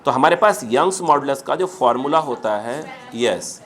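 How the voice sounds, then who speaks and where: A physics teacher lecturing a class, slowly dictating questions and then explaining in a quick, chatty way. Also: male voice, mid-range voice, lively intonation, fairly bright tone, slight background noise.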